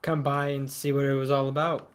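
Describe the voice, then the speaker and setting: A man's voice: mid-range voice, flat delivery, fairly quick, clear, resonant tone. A man playing in a tabletop game, talking in an easygoing, friendly way. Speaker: player. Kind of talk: casual chat at a game table.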